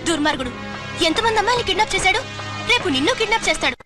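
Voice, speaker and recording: A woman's voice: extremely high pitch, expressive, very fast, over loud music. An actress playing a worried young woman who urgently warns her friend. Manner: urgent, insistent.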